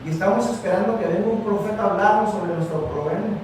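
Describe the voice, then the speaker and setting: A man's voice: high voice, fast talker, background noise. A man preaching a sermon as pastor, building emphasis and often calling out to his brothers in the faith. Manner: preaching with rising emphasis, repeating "mi hermano". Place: church. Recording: echoey church room from far off, faint ambience.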